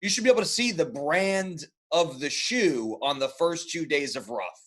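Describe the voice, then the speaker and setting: Chatty, higher-voiced male podcast host. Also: normal speed. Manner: reads sponsor ads in a joking infomercial style; rambling, animated storytelling. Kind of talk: casual chat.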